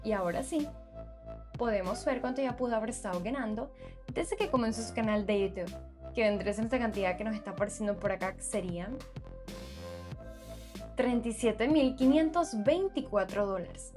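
A woman hosting her own channel, narrating a screen-recorded tutorial and calmly walking viewers through numbers step by step. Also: fairly high pitch, a little fast, music in the background. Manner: steady, explanatory, walks through numbers step by step. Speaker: YouTube channel host.

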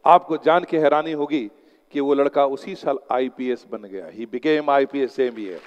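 A man's voice: medium pitch, unhurried, dull audio. A man giving a motivational seminar talk as an exam coach, telling stories and mixing English phrases into his Hindi. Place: lecture hall. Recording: long hall reverb.

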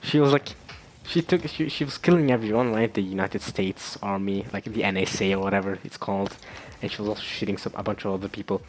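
A man's voice: fairly low pitch, brisk, a little hiss or hum. Rambling young man vlogging. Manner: rambling, many fillers and restarts, laughs often. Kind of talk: casual chat.

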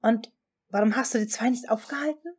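A woman voicing a calm, firm young woman in a fan-fiction audiobook, speaking steadily. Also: a little high, brisk, husky. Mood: earnest.

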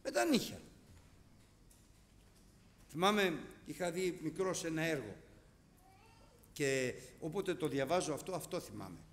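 A middle-aged man preaching with a high voice that swings widely in pitch. He tells vivid stories and acts them out with sound effects. The recording carries a long hall reverb. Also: long pauses. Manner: animated, storytelling with sound effects. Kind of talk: sermon.

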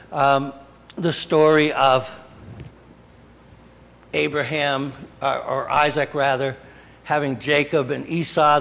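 A middle-aged man preaching a sermon as pastor in a small church, unhurried and often correcting himself mid-sentence. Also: fairly high pitch. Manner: slow, unhurried delivery with frequent self-corrections. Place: small church sanctuary, indoors.

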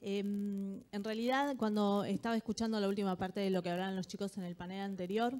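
A woman's voice: medium pitch, steady tone, a little fast, darkish tone. A woman speaking as an expert panelist at a live conference. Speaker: audience specialist, panelist. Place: large auditorium stage, indoors. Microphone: handheld microphone.

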